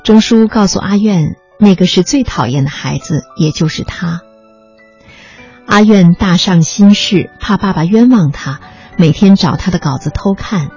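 A narrator calmly reading a memoir aloud, in a measured storytelling manner. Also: mid-range voice, breathy edge. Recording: slightly muffled recording with faint music.

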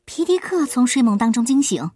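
A woman tells a children's story with a lively, swooping delivery. Her voice is slightly husky and pitched a bit high, with soft music behind. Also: fairly quick.

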